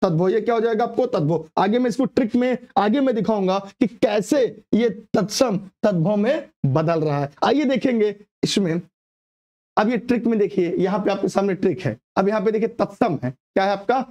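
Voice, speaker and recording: A man with a high-pitched voice leads an exam-prep grammar lesson. He keeps firing questions at the class and answering them himself, drilling each point home. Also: normal speed, warm tone. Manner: quizzing, asks and answers own questions. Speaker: Hindi grammar teacher.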